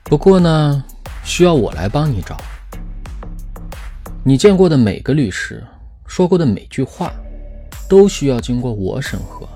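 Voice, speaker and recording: An actor playing a cunning young man who speaks mildly and politely while quietly mocking his rival in an audio drama. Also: mid-range voice, very animated, measured pace, long pauses, soft background music. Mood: coolly polite.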